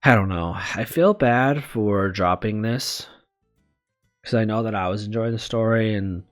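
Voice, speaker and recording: Gentle guitar music accompanies a video game streamer playing a visual novel, whose androgynous, medium-low voice stays unhurried. They shift between reading the text and frank, casual remarks, poking fun at themselves and swearing without hesitation.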